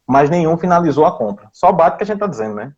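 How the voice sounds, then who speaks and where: Quick man on lo-fi audio. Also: fairly high pitch, sing-song. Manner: quick, reads out comments with fillers. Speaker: live show co-host reading viewer comments. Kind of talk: casual live-stream chat.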